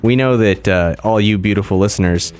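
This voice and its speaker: Podcast host guy, kinda low voice, chatting casually, sore mouth that wont open wide, bit of music under. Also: brisk, a little mellow. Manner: restricted articulation from barely opening mouth. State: mouth sore after wisdom teeth removal.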